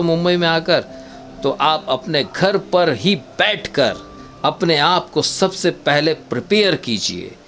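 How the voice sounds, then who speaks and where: Slow, lively-voiced man giving advice. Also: a little high. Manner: addresses viewers warmly as friends, unhurried and instructive; demonstrates dialect voices in short quotes. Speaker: travel vlogger giving acting tips. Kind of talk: casual advice to viewers.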